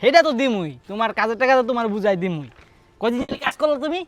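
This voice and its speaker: Man acting as a bullying office manager, scornful and threatening, high fast voice, dry sound. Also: expressive, no room sound. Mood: leering. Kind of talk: short-film drama acting.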